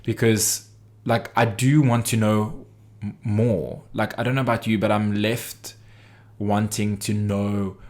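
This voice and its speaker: A man's voice: lowish voice, steady tone, takes it slowly, a little mellow. A man co-hosting a casual podcast chat, gossipy and hesitant, with lots of fillers and restarts. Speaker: podcast co-host.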